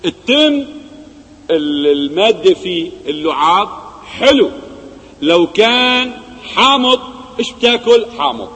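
Male preacher, raised pitch, questioning style, hall reverb. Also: animated, unhurried, pauses often. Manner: rhetorical questions, swings between loud emphasis and low quiet asides. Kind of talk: religious lesson.

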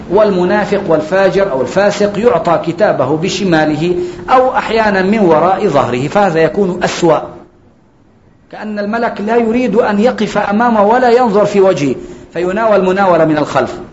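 A man preaching a sermon, explaining each point and slowing down for quotations. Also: high-pitched, a little hiss or hum. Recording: echoey dull lo-fi recording.

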